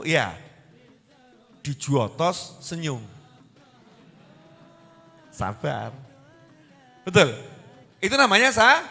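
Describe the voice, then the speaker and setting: A man's voice: a little high, big-room sound. A man with a Javanese accent preaching a sermon, often putting questions to his audience. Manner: lively, animated, asks the audience questions.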